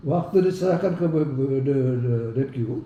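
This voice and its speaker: A man's voice: mid-range voice, expressive, moderate pace, dark tone, far from the mic, dull audio. A man with a speech impediment that slurs his r sounds, explaining a legal case emphatically as an interview guest, repeating his points. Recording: roomy echo, faint background noise.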